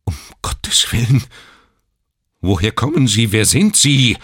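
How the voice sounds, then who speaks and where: A man's voice: low voice, wildly swooping pitch, unhurried, fairly bright tone, slightly rough, no room sound, studio quality, exaggerated voice. A man voicing a desperate, horrified middle-aged father, in a storybook reading. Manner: desperate, agitated.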